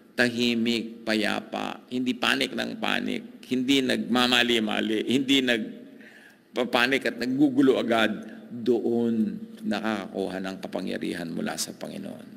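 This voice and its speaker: A man preaching a sermon, mixing Tagalog and English, with emphatic, drawn-out phrases and dramatic pauses. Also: lowish voice, gravelly, a bit bright. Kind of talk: Taglish sermon teaching. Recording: long reverb, hall-like.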